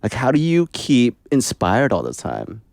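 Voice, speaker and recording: A man hosting an interview show, chatting casually and joking with his guest, quick to laugh. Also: mid-range voice, wildly swooping pitch, vocal fry, darkish tone, no room sound, studio quality. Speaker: podcast host.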